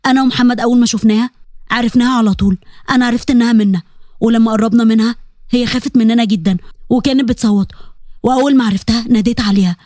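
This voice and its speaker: A woman's voice: fairly high pitch, steady tone, racing, no echo, close to an everyday voice. A woman voicing a remorseful young man. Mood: pleading. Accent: Egyptian Arabic. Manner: soft, earnest, confessional.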